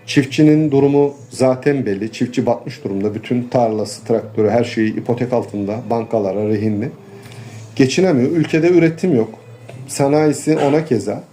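A man gives an earnest street interview in a warm, dark voice. He complains steadily and halts now and then with fillers, over a faint hum of outdoor noise. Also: medium pitch, normal speed. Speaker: interviewee, farmer and local official.

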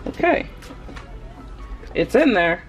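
A young adult woman chatting to viewers as she cooks in her home kitchen, excitable and talking as she works. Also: medium pitch, takes it slowly, faint music behind, low-quality recording. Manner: chatty, excitable, talks to viewers while working. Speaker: cooking vlogger. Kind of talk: casual cook-along narration.

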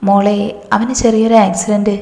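A gentle, protective man soothing a frightened girl, read by a woman storyteller. The delivery stays level and even. It is heard in an echoing room with long reverb and soft music. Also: mid-range voice, moderate pace, natural voice. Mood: consoling. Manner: soothing, consoling. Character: grown man, gentle protective older brother figure.

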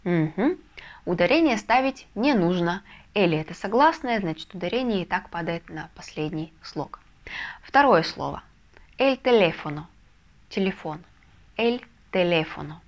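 A woman teaching a video lesson, explaining step by step with patient, soft confirmations. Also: lowish voice, animated, a little slow, lo-fi sound. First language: Russian. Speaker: Spanish language teacher. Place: language school in a Russian city.

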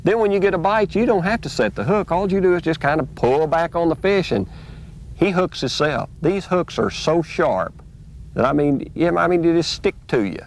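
Folksy and drawling, a middle-aged man fishes from a bass boat on a lake and teaches as he goes, hosting a fishing show in a casual outdoor style. His pace is moderate, and a bite gets him excited. The sound is noisy boat audio captured on 1990s tape.

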